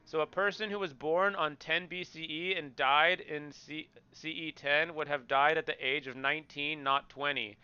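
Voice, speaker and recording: Man, game streamer, joking and rambling, very bright clear voice, slightly dull lo-fi sound, music behind. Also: fairly high pitch, fairly even intonation, moderate pace, hardly any pauses, no room sound. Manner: joking, rambling, repeats himself. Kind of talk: casual chat with stream viewers.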